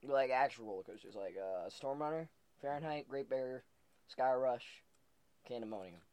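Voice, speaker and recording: A man's voice: medium pitch, moderate pace, clear, resonant tone. A young man chatting casually, swearing often and breaking into laughter as he tells stories. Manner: profane, laughs often, animated storytelling. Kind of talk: casual chat.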